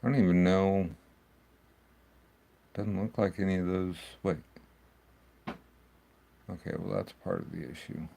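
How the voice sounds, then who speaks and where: Low gravelly man thinking aloud. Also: fairly even intonation, a little slow, pauses often, dark tone. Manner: rambling, thinks aloud with restarts. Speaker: tech video host. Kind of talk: casual screen-recording walkthrough.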